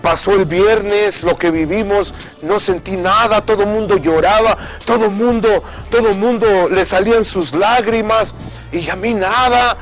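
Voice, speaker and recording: Middle-aged man with a high voice, earnest and emotional, telling his own testimony over faint music. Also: measured pace. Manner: earnest, repeats words for emphasis. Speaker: speaker giving a religious testimony.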